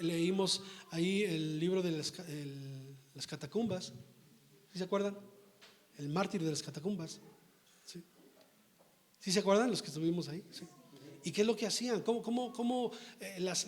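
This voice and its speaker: A male pastor preaches with fervor in a church, his voice set notably high. He tells stories and keeps checking in with his listeners, pressing them for agreement as he builds each point. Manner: fervent, often checks in with the congregation. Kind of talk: sermon.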